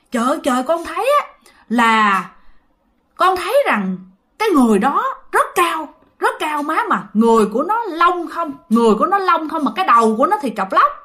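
A terrified grandmother blurting out what she saw, pleading to her mother in panic, as a woman storyteller acts her out. The voice is bright and lively, leaping around in pitch. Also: moderate pace, full character voice. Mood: panicked.

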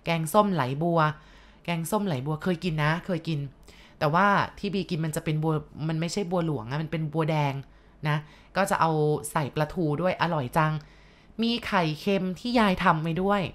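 A woman narrating a ghost story in a lively, conversational way, with chatty asides. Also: low voice, normal speed.

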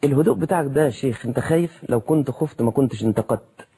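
Egyptian sheikh preaching on tv, talks quick, husky kinda dark voice, keeps firing questions at people. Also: male voice, medium pitch. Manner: colloquial, full of rhetorical questions. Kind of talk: televised sermon.

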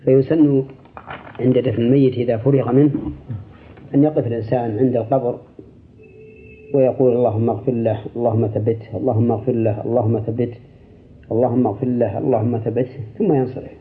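An older man, an Islamic scholar, answering listener questions on a radio program in a measured, deliberate way. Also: medium pitch, steady tone, slight background noise. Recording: tinny, lo-fi radio broadcast.

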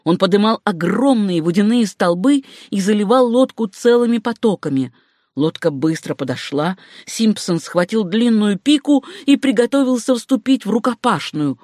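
A reader giving scripted narration of an adventure story with a steady storytelling delivery. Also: mid-range voice, moderate pace, no room sound, clean studio sound. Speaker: audiobook reader.

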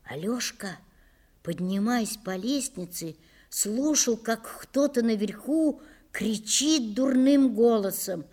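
A woman narrating a historical audiobook with expressive storytelling. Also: fairly high pitch, slow.

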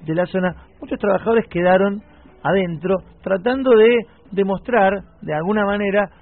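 A middle-aged man with a Rioplatense Spanish accent talks casually as a radio host, reminiscing and telling stories at an easy pace. His voice sits fairly high for a man. The sound is thin and phone-like, as if heard over a broadcast. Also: moderate pace, creaky. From Buenos Aires, Argentina. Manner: conversational storyteller, reminiscing.

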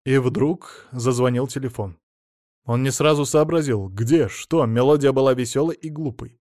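A man narrating a story in a measured, steady reading voice. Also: mid-range voice, no echo, clean studio sound. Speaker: audiobook narrator. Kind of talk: scripted narration.

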